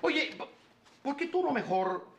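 An actor playing a sarcastic, mocking politician in a telenovela scene. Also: male voice, very high-pitched, sing-song, takes it slowly, fairly bright tone, full character voice. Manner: mocking, teasing and theatrical. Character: scoffing middle-aged male politician, sarcastic. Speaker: government official in a telenovela. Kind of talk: telenovela acting. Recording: soap opera scene with music behind.

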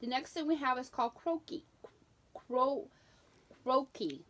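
A young woman hosting a casual snack taste-test vlog, reading the package descriptions aloud in a halting way. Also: high-pitched, a bit bright. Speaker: vlogger.

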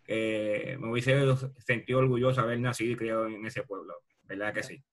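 A middle-aged retired baseball player from Bayamón, Puerto Rico, speaks with a Puerto Rican accent as an interview guest on a video call from a room at home. He reminisces casually in a lowish voice, with a steady tone at a moderate pace.

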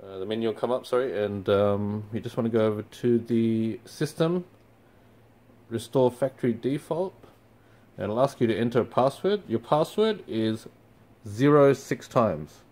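In front of a TV screen indoors, a young man presenting for a company casually shows viewers how to reset a device. He is relaxed and leans on lots of ums, speaking at normal speed in a mid-range voice.

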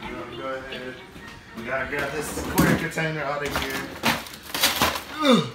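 A man's voice: mid-range voice, fairly even intonation, moderate pace, over loud music. A young man chatting casually for a vlog, nervous and full of exclamations. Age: young adult. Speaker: vlogger doing an ice bath challenge. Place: small tiled bathroom at home. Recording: echoey bathroom with loud noise.

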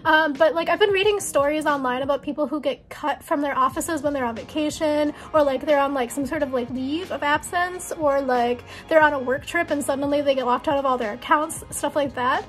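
Young woman, high voice, rambling vlog chatter with faint music behind. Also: brisk, hardly any pauses. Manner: rambling, many ums and likes. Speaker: vlogger. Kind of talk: casual vlog chat.

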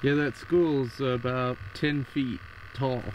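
A man's voice: mid-range voice, steady tone, takes it slowly, a little mellow. A man hosting a fishing trip outdoors on a boat, asking short questions and giving brief agreeing replies. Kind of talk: casual chat on a fishing trip. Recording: distant muffled outdoor mic, frog noise.

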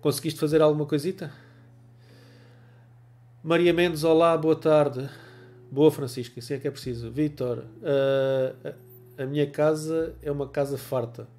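Reading viewer comments on his photography livestream, a man in his forties with a European Portuguese accent and a cold speaks casually, often laughing and naming viewers as he greets them. His voice sits on the high side with a dark tone and little pitch movement, at a measured pace with frequent pauses. He records on a wired earphone mic in a small room at home.

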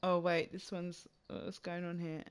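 A man's voice: sits high, completely flat delivery, unhurried, clean tone. A man with a slight lisp streaming a fishing game, chatting casually with friends and stumbling over words now and then. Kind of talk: casual gaming chat.

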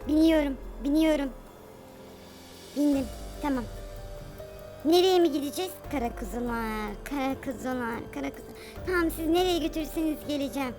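A brash superhero mom, voiced by a woman for a comic game role-play, with a very high, piercing voice. She throws around rough street slang and fires her words off in quick repeated bursts. Faint music plays underneath. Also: warm tone, lightly acted. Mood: pleading, sarcastic.

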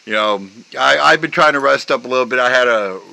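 A middle-aged man rambles through casual chat, padding every thought with "you know" and letting sentences fade out quietly. His voice is bright and forward. The recording is dry and close, with no room sound. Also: medium pitch, brisk, creaky, no room sound, rough recording. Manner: rambling, many fillers like "you know", trails off softly. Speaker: vlogger.

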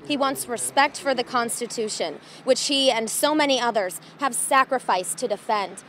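A young American woman with a slightly high voice reports live for TV news. She speaks in a scripted broadcast style into a handheld mic outdoors, with faint noise around her. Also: normal speed, a bit bright. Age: young adult. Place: outdoors on a street in front of a restaurant. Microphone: handheld reporter microphone.

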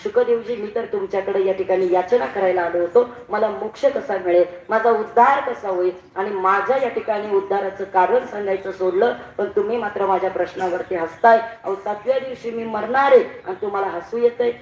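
A woman's voice: medium pitch, brisk, few pauses, darkish tone. A woman giving a devotional sermon at a village bhajan gathering, calling on the audience to answer and acting out the story's characters. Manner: acts out story characters in a rising voice. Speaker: kirtan preacher. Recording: roomy, distant, dull live recording.

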